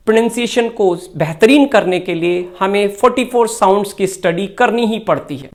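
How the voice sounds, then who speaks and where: A woman with an Indian accent narrating a scripted lesson, explaining slowly and deliberately. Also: medium pitch. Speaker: English teacher.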